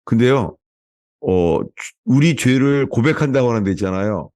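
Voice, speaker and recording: A man's voice: mid-range voice, lively intonation, normal speed, dark tone, no room sound. A man preaching a sermon as a pastor, often asking his congregation questions and acting out quoted voices. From South Korea. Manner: asks the congregation questions, acts out quoted lines.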